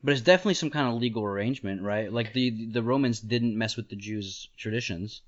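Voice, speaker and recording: A man's voice: on the low side, fast talker. Man explaining things in casual chat. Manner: talks it through with many "like" and "right?", laughs easily. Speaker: podcast host. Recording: dull lo-fi podcast audio.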